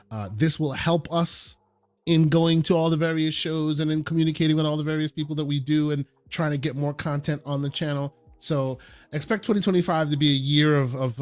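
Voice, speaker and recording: A man hosting a casual podcast, speaking haltingly and often repeating words several times as he goes. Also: medium pitch, no room sound. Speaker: podcast host. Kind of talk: casual podcast sign-off chat.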